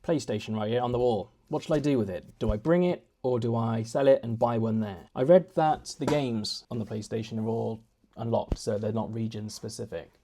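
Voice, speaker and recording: This young vlogger from the UK speaks fairly quickly in a mid-range voice with a dark tone. Chatting indoors at home, he wanders from point to point, runs himself down, and keeps starting over.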